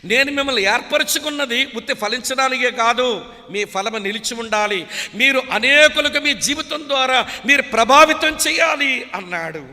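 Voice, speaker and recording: A man's voice: very high-pitched, lively intonation, moderate pace, sharp tone. A man preaching a sermon with a Telugu accent, pleading emotionally and calling his listeners beloved. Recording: long reverb of a large hall.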